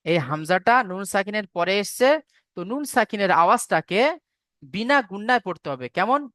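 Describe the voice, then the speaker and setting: A man's voice: high-pitched, animated, brisk, fairly bright tone, no echo, studio quality. A man teaching Quran recitation in an online class, patiently repeating and spelling out syllables. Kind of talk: online tajweed class lecture.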